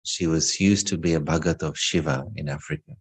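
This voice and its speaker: Speaking a little fast in an extremely low, husky voice with a steady tone, a middle-aged spiritual speaker from England shares his personal story in an informal talk. He is reflective, with touches of humor.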